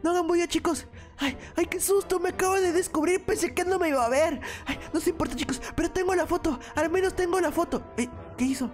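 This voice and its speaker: An extremely high-pitched woman commentates a video game for viewers. She speaks in exclamations and repeats short phrases with urgency. Music plays behind her voice. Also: fast talker, a little mellow. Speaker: gaming video host. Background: background music.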